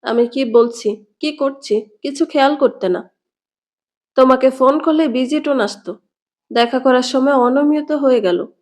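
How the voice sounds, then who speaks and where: A woman voicing a hurt young woman calmly and firmly ending a relationship, in a storybook reading. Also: high-pitched, a little slow. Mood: wounded. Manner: calm, firm and wounded.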